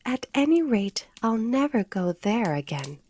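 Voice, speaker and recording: A woman's voice: fairly high pitch, very animated, a little slow, darkish tone, slight background noise, pitched above the performer's own voice. A woman voicing a polite, earnest young girl in a storybook reading. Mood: polite curious. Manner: humble, earnest.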